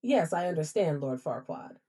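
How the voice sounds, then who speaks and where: A woman's voice: deep voice, sing-song, normal speed, dark tone, husky. A woman's voice as a smart home assistant, answering politely and accommodatingly. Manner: polite, accommodating, formal address. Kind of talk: assistant replies.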